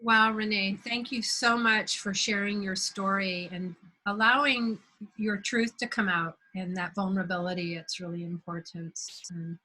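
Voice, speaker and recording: A woman from Belgium hosting a conversation, telling a personal story in a reflective, unhurried way. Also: mid-range voice, steady tone, sharp tone, rough recording. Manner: reflective, unhurried, searching for words. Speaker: host.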